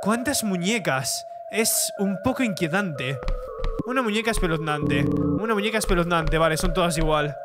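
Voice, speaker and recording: A young male gaming streamer with a high, animated voice comments on a horror game at a moderate pace, loud music playing behind him. He's jumpy and easily startled, reacting with frightened shouts and repeated exclamations.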